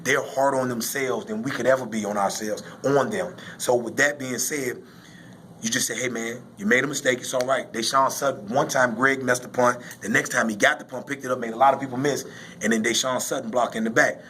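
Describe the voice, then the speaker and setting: Guy coaching football talking after the game, repeats stuff for emphasis, mid pitch, bit of noise behind. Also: steady tone, fairly quick, bright, forceful tone. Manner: emphatic, repetitive phrasing. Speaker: high school football coach. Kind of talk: postgame interview, casual explaining.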